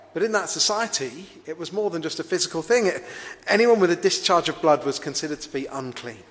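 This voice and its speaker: Male preacher, reflective and chatty, keeps asking the room rhetorical questions, a touch high-pitched, recorded in a reverberant hall. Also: fairly bright tone. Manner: reflective, conversational, asks the listeners rhetorical questions. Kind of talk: sermon.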